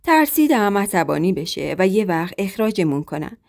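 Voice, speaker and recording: A woman's voice: medium pitch, sing-song, vocal fry, darkish tone. A woman storyteller narrating a true-life tale in the first person, with a dramatic, emotional reading.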